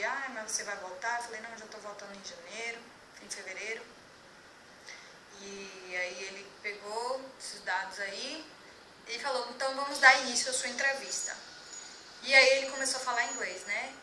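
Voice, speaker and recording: A young woman chatting casually about her job interview, fast and tripping over her words now and then. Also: on the high side, bright, forceful tone, roomy sound, slight background noise. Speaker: vlogger giving job interview tips. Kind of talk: casual chat.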